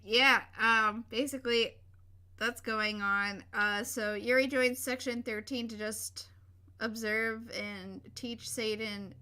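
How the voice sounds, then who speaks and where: A woman's voice: fairly high pitch, bright, forceful tone. A young woman with a sore throat, hosting a casual podcast chat in a rambling way full of fillers. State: sore throat, feeling sick. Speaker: podcast host.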